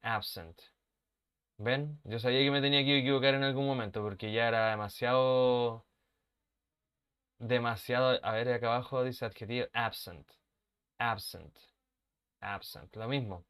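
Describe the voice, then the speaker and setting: A man's voice: medium pitch, steady tone, normal speed, long pauses, fairly bright tone, clear, resonant tone. A man teaching an online English class, patiently repeating words for pronunciation drills and laughing at his own mistakes.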